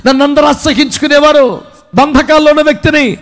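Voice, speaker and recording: A man preaching in the voice of a grieving, repentant woman disciple, giving impassioned first-person testimony that rises to shouts. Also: extremely high pitch, steady tone, fairly quick. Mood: fervent.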